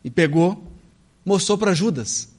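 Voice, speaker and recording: A man with a Brazilian accent preaching a humorous sermon, retelling scripture playfully and dropping suddenly into hushed tones. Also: high voice, expressive, a little slow. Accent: Brazilian Portuguese.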